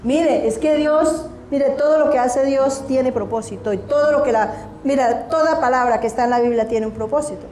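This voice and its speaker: A woman's voice: high-pitched, normal speed, hardly any pauses, mellow, roomy sound, slight background noise. A woman preacher giving an emphatic sermon and asking her congregation questions. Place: church hall.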